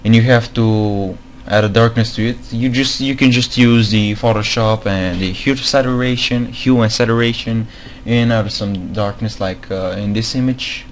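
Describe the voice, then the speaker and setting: A non-native English-speaking man records a screen-capture tutorial on making game mods, his voice sitting on the low side with fairly even intonation. He moves at a moderate pace with hardly any pauses, yet sounds hesitant, leaning on fillers and repeated words. Slight background noise is audible.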